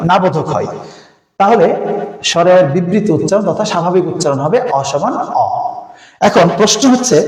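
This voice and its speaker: A man's voice: high-pitched, a little mellow, reverberant, low-quality recording. A man from Bangladesh, teaching an online exam-prep class step by step and answering his own questions.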